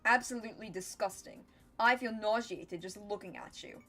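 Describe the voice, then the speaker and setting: A woman voicing a serious teenage girl with a hoarse voice from a cold, flat and irritated. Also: mid-range voice, moderate pace, soft background music.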